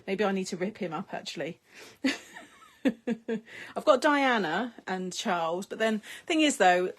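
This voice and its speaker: A middle-aged woman from the United Kingdom, with a British English accent, talks casually while crafting live, reading out her viewers' comments and often laughing. Her mid-range voice is animated and her pace measured.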